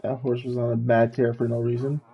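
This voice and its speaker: A man streaming a video game, slowly talking himself through what he is doing in casual commentary. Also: mid-range voice, level tone, gravelly, breathy edge, lo-fi sound. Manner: slow, musing, talks to himself while playing.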